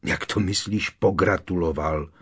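A man's voice: low voice, a bit bright, husky. A man voicing an exasperated teenage boy wizard in an audiobook, protesting insistently. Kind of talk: audiobook character reading.

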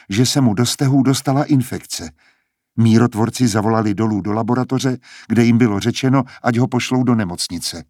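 A man reading an audiobook as narrator in a calm, steady storytelling manner. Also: fairly low pitch, dry recording, clean studio sound. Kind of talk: scripted narration.

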